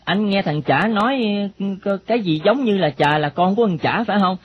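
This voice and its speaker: A man voicing a quick, bossy street boy, in a storybook reading. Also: sits high, expressive, slightly rough, voice pushed up. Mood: eager. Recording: dull lo-fi recording, faint hiss.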